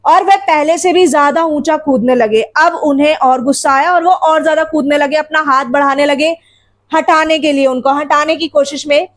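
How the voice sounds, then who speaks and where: A woman's voice: high voice, moderate pace. A woman teacher explaining a textbook story to students. She repeats word meanings and asks rhetorical questions as she goes.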